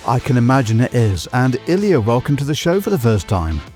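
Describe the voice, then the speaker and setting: A man's voice: mid-range voice, sing-song, fairly quick, darkish tone, soft background music. Chatty podcast host, man. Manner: chatty and enthusiastic. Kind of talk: upbeat podcast hosting.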